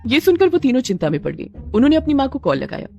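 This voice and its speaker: A woman narrating a scripted moral cartoon story with expressive storytelling. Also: high voice, quick pace, gravelly, dull audio, faint music behind.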